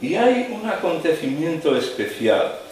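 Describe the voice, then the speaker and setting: A man preaches slowly in a fairly high voice, dropping to near-whispers before rising to loud, raised lines. The sound is very echoey, as if in a large hall, picked up a distance with faint noise behind. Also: sing-song. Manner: slow, dramatic preaching that swings from hushed to raised voice. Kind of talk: sermon.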